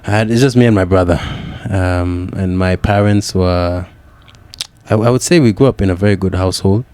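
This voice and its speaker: Low, dark-voiced Kenyan man. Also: moderate pace, no echo. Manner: reflective, with frequent "yeah" and restarts. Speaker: guest. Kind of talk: candid podcast conversation.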